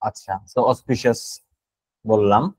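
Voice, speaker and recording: A Bangladeshi man with a lowish voice and fairly even intonation teaches GRE vocabulary online at a moderate pace. He thinks aloud casually, blending English terms into Bengali explanations, on a low-quality recording without echo.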